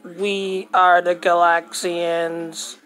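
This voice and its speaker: A woman voicing a boastful, threatening alien invader in a drawn-out, deliberate delivery. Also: fairly low pitch, little pitch movement, fairly bright tone. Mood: menacing.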